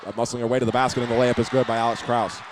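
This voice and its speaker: Calling a basketball game live in an indoor arena, a man speaks at a racing pace in a mid-range, level voice and occasionally trips over or repeats words. A crowd and noisy gym ambience sit behind him.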